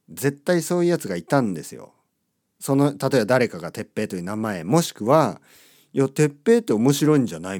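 Casting: middle-aged man, playful chatty host, animated pitch, dry close sound. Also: no echo. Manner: chatty, playful, amused asides. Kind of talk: casual monologue.

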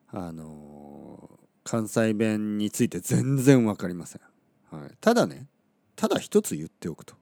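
This man from Oita, Kyushu, speaks a relaxed podcast monologue teaching Japanese, scattering soft fillers and fixing his own words along the way. The pitch is fairly low, his throat a little scratchy, and the recording has no echo.

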